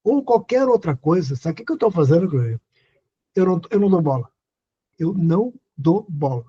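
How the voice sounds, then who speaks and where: A man's voice: sits high, sing-song, fast, mellow, slightly rough, lo-fi sound. An older man, hosting a live stream and giving earnest, casual advice, often asking the listener questions. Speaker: host.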